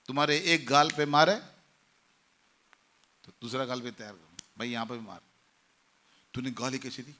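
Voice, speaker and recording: Bright-voiced Hindi-speaking pastor preaching. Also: male voice, mid-range voice, moderate pace, long pauses. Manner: call-and-response preaching, leads the congregation in repeating phrases. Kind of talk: sermon. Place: church.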